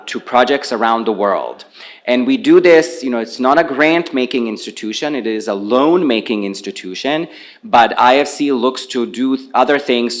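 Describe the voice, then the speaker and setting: Bosnian-born guy giving a conference talk into a handheld mic, chatty and easygoing, walks around the stage. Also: medium pitch. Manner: relaxed, conversational, walks around while speaking. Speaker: panel speaker on climate finance. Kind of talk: conference presentation. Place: conference venue with a live audience. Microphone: handheld microphone.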